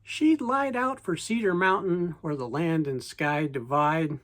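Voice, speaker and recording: Someone recites poetry as a story in verse, delivered folksily with deliberate pauses. The voice is mid-range with a fairly bright tone.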